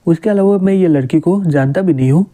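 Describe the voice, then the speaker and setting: A man reading the lines of a flustered young male hero in a manga recap, in a fairly high, very mellow voice. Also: brisk, lightly acted.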